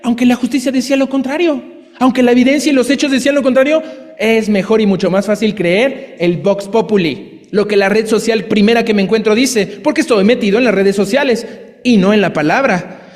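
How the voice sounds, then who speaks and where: A man preaching a sermon in a lively, chatty way, with asides and acted quotes. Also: high voice, a little fast, long reverb tail. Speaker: pastor.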